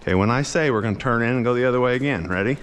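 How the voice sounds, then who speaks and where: A man working as a horse trainer, coaching a rider in a folksy, encouraging way and cooing softly to the horse. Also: mid-range voice, racing, in a large hall, noisy background. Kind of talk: instructional coaching.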